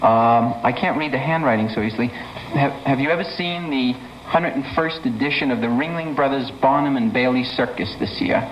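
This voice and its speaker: A man hosting a talk show with casual comic chat, stammering and interrupting himself as he goes. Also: mid-range voice. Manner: halting, stammering, self-interrupting. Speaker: guest host of a talk show. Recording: dull, noisy 1970s TV studio.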